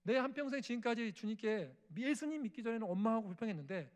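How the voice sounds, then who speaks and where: Missionary guy preaching in church, high voice, acts out family prayers. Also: expressive, quick pace. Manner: acts out family prayers and dialogue with rising emotion. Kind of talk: emotional testimony sermon. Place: church sanctuary.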